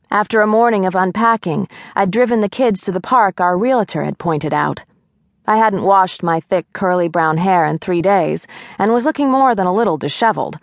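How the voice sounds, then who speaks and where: Wry, low-voiced woman reading an audiobook. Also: no room sound, clean studio sound. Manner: wry, lightly comic storytelling. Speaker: audiobook narrator. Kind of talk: scripted first-person audiobook narration.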